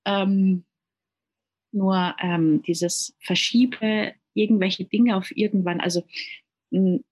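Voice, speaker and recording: A German woman who natively speaks German and Italian talks earnestly in a casual interview, often repeating words while searching for the next one. Her mid-range, darkish voice moves slowly with fairly even intonation, and the recording is rough.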